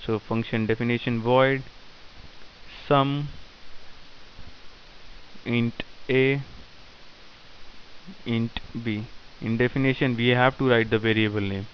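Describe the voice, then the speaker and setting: A man teaching programming in a screen-recorded tutorial, dictating code in short halting phrases. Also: mid-range voice, fairly even intonation. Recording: dull lo-fi sound with faint hiss.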